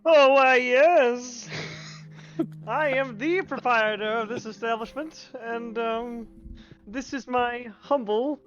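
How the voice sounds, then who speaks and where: Flamboyant, mustache-twirling villain cat merchant. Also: male voice, very high voice, slow pace, fairly bright tone, lo-fi sound, faint music behind, exaggerated voice. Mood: grandly welcoming. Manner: flamboyant, showy, pompous.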